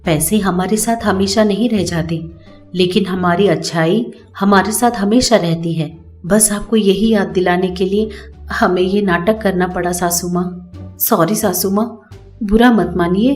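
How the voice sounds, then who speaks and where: Gentle young daughter-in-law, kind, clever, coaxing, voiced by a woman, storybook. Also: on the high side, measured pace, soft background music, close to an everyday voice.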